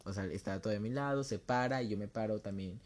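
A young man with a Mexican Spanish accent telling a story in casual chat, slangy and animated, acting out what people said. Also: lowish voice, very fast. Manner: slangy, animated, acts out quoted lines.

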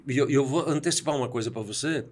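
A man's voice: mid-range voice, fast talker. A man in his sixties from Brazil, a podcast guest telling personal stories and acting out the dialogue he quotes. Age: 60s. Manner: reflective, acts out quoted dialogue. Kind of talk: storytelling in a conversation.

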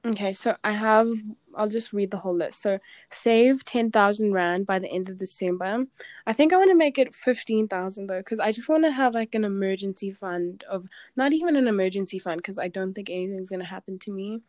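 A woman's voice: mid-range voice, brisk, a little mellow, no echo, studio quality. A young woman, co-hosting a casual podcast chat, talking loosely with lots of "like". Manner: chatty, peppered with "like". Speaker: podcast co-host.

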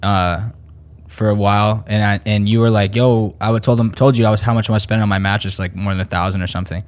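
A man's voice: fairly low pitch, steady tone, fast talker. A young man co-hosting a podcast, talking in laid-back slang. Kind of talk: casual podcast chat.

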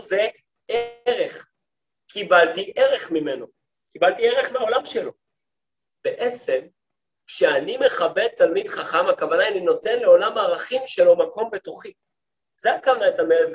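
A rabbi teaching a class for women, a man telling stories in a lively way and often turning to his listeners with questions. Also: high voice. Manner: lively storytelling, acts out quoted speech; talks to the listeners, asks them questions. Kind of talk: lecture to a women's study group.

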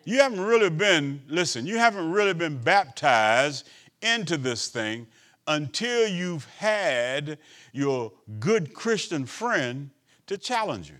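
A man preaching a sermon as a bishop, his voice sitting fairly high for a man. He checks in with the congregation, rises for emphasis, then drops into quiet asides. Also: sing-song, slow. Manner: preaching with call-and-response asides; swings between loud emphasis and quiet asides.

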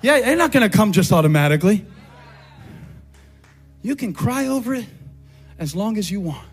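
High pitched guy preaching, repeats lines over and over, gets loud and shouty, faint music behind. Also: sing-song, normal speed, breathy edge. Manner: rhythmic preaching with repeated phrases, rising to shouts. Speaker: pastor. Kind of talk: sermon.

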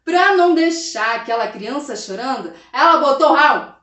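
A woman's voice: high-pitched, lively intonation, normal speed, sharp tone. Woman, storyteller, dramatic, talks to the audience, echoey room. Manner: dramatic, addresses listeners often. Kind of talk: oral folk tale telling to an audience. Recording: roomy, from a distance.

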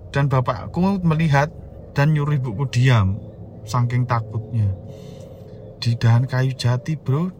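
A man in his thirties with a Javanese accent recounts a childhood ghost story. His voice sits at an ordinary middle pitch. He keeps it lively and joking, dropping to a hush for the scary parts and jumping up again for the punchlines. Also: a little hiss or hum. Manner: animated, jokey, swings between hushed and loud. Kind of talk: casual horror storytelling.

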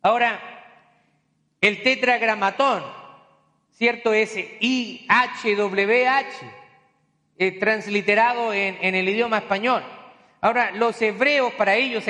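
A man's voice: high voice, bright, forceful tone, big-room sound. A man pastor preaching a sermon, teaching and explaining terms with folksy asides.

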